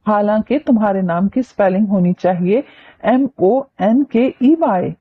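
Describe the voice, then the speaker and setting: A woman's voice: medium pitch, measured pace, narrow, tinny audio, lightly acted. A woman reading a novel aloud, voicing a teasing, mischievous young man who mocks a girl. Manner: mocking, teasing.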